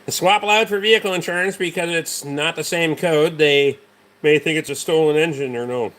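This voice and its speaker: A man's voice: fairly high pitch, fairly quick, fairly bright tone. A man with a Rhode Island accent chatting casually on a livestream as host, blunt, dismissive and heavily profane. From Rhode Island, United States. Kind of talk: casual livestream chat answering viewers.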